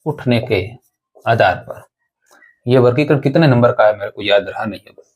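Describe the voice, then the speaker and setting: A man's voice: mid-range voice, moderate pace. A man teaching an exam-prep grammar lesson, explaining step by step, repeating points and asking rhetorical questions of his students.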